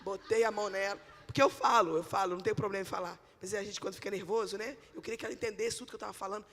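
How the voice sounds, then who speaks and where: A woman pastor preaching a sermon, moving between shouted exhortation and lively personal storytelling. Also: medium pitch, racing. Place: church sanctuary. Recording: long reverb of a church hall.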